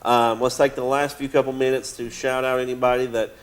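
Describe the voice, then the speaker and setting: An easygoing man hosts a casual local sports chat show. His voice sits at an ordinary middle pitch, and his delivery is relaxed and lightly teasing as he moves the conversation along. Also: a little fast. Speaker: show host.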